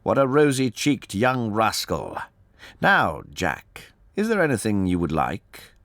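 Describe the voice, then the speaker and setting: Man playing gentleman detective, shrewd, courteous, measured, animated pitch, storybook character, dry close sound. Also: no room sound, exaggerated voice. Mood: coaxing. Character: shrewd, bland, smooth-talking gentleman detective. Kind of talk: audiobook character voice.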